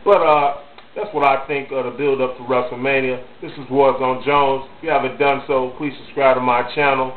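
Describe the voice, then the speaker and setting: A man's voice: mid-range voice, little pitch movement, moderate pace, slight background noise. A man talks through his views in a loose, casual vlog. He rambles, repeats himself and stutters, leaning on "you know". The sound is thin and phone-like, with a roomy echo. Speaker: wrestling vlogger.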